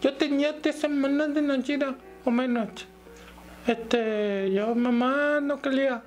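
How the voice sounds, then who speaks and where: A man's voice: extremely high pitch, steady tone, unhurried, soft background music, pitched above the performer's own voice. A man voicing his little daughter remembering being an embryo, sweet and childlike, with a Mexican accent. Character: little girl recalling life as embryo.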